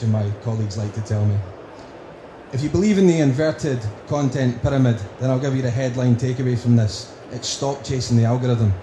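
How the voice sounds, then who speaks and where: A man with a broad Scottish accent giving a prepared conference talk, speaking deliberately in emphatic lists. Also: mid-range voice. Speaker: conference speaker, company director. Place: indoor conference room. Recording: roomy, echoing venue with faint noise.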